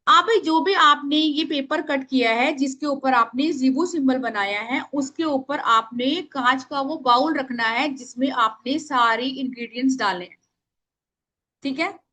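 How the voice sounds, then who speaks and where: A woman leads a live online workshop over a video call, naming participants and slowly dictating affirmations for them to write down. Her voice sits high, with a bright, forceful tone.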